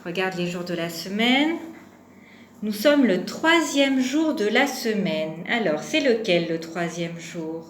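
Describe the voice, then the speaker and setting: Speaking slowly in a mid-range, animated voice, this kindergarten teacher leads a home lesson for little kids. She is patient and pronounces each syllable and number aloud. Faint noise sits behind her in an echoey room.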